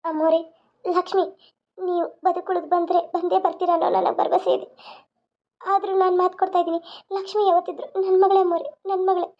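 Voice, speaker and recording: A woman voicing a devoted housemaid who earnestly pleads with her employer. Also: very high voice. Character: devoted female maid, loyal and motherly. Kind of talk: cartoon voice acting. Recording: dull lo-fi sound.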